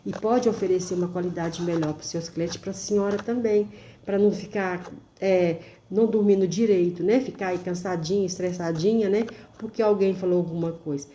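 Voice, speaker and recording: A woman telling a story in a gentle, reassuring way, often checking in with her listener. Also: fairly low pitch, fairly even intonation, moderate pace, a little hiss or hum. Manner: gentle, reassuring, keeps asking "né?". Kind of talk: storytelling monologue.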